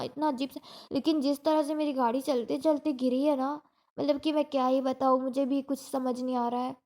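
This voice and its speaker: A woman's voice: high-pitched, darkish tone. A young woman in casual vlog talk, telling a story in a shaken, rambling way with many restarts, still in pain after a fall. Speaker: vlogger.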